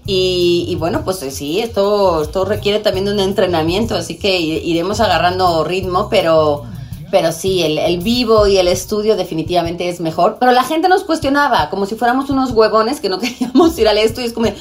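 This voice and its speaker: A woman's voice: medium pitch, fairly quick, soft background music. A woman in her forties from Spain with a lisping Castilian accent, speaking casually in an outspoken, emphatic way. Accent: Castilian Spanish. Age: 40s. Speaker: guest, television presenter. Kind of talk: casual conversation.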